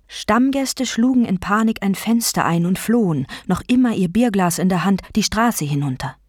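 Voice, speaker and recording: A woman narrating an audiobook in a lively storytelling manner, with a slightly husky voice. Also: medium pitch, no echo, clean studio sound. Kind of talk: scripted narration.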